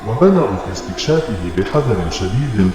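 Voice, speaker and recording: A man's voice: mid-range voice, very animated, fast talker, very noisy. A man reading a scripted horror story as its narrator. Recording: very echoey, long reverb, music behind. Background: clear music.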